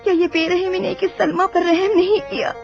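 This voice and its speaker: A woman's voice: very high voice, level tone, normal speed, creaky, lo-fi sound, faint music behind. Pleading, accusing young woman. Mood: reproachful. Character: reproachful young woman pleading with a departing man. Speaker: voice actor in a film dub. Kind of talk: dubbed film acting.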